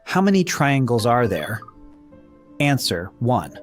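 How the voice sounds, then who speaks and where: Guy teaching little kids to count, slow and bouncy, soft music behind. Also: medium pitch, sing-song. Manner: slow, sing-song counting with questions and answers. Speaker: children's math teacher. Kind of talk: counting lesson for young children. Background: faint background music.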